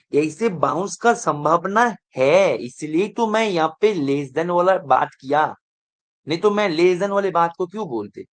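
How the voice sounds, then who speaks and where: A male math teacher giving an online exam revision lecture, mixing English terms into his talk and often asking whether students are following. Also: sits high. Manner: keeps checking if students follow; mixes English terms into Hindi.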